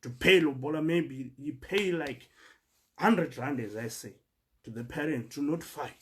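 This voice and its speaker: A man's voice: on the high side, normal speed, fairly bright tone. A man from Zimbabwe with a Zimbabwean accent, giving an earnest monologue that cites scripture and stumbling as he repeats words while searching for the next. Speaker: speaker addressing fellow migrants.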